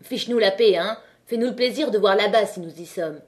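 A woman's voice: medium pitch, brisk, close to an everyday voice. A woman reading an audiobook, voicing a jealous, provoking male coal miner with a coarse, taunting manner. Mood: defiant.

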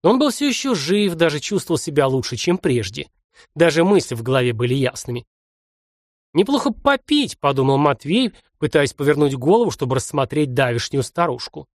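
A man narrating an audiobook in an expressive storytelling way on a close mic. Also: a little high, a little fast, no room sound. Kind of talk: scripted narration.

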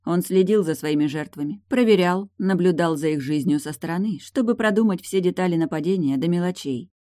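A woman narrating a crime novel as an audiobook, in an even, measured reading. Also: fairly low pitch, dry recording, clean studio sound. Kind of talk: scripted narration.

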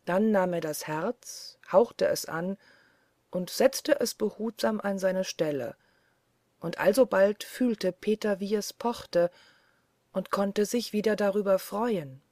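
A woman narrating a fairy tale audiobook in a measured, deliberate way. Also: medium pitch, warm tone, no room sound, clean studio sound. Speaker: audiobook reader. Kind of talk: storybook narration.

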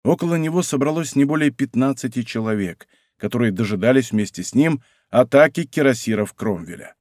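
A man's voice: medium pitch, brisk, no echo, studio quality. Man narrating an adventure audiobook. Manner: expressive, theatrical.

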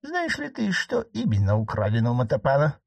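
A poised old marquise speaks with quiet irony, her tone lifted high and moving freely up and down, as a male narrator puts her on. She is composed and gently mocking, in a dry, close audiobook reading. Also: huge pitch swings, brisk, gravelly, dry recording, exaggerated voice. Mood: probing. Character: calm, ironic elderly aristocratic aunt, a marquise.

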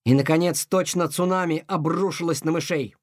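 A man narrating a children's adventure story in an expressive, dramatic reading. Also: a little high, brisk, dry recording, studio quality.

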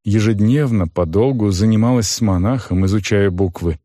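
A man reading a fantasy audiobook in a measured, expressive storytelling manner. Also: lowish voice, no echo, clean studio sound. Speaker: audiobook narrator. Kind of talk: scripted audiobook narration.

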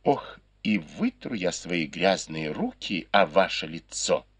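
A man reading an audiobook, voicing a lively young maidservant who exclaims playfully in a raised voice. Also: sits low, slow, slightly rough, exaggerated voice.

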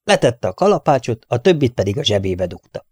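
A man narrates an audiobook in a steady, measured way. His voice sits mid-range and is recorded close and dry, with no room sound. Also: medium pitch, breathy edge, no echo. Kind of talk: scripted narration.

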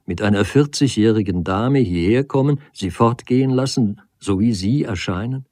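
A man reading the part of a brooding young stranger who answers quietly and in a subdued way. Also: moderate pace, no echo, natural voice. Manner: quiet, subdued, low-key replies. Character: restless, brooding young stranger, humble and evasive.

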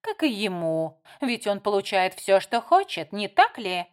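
A woman reading aloud voices a spiteful, sarcastic young woman who mocks and shouts insults. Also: mid-range voice, very animated, a little slow. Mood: sneering.

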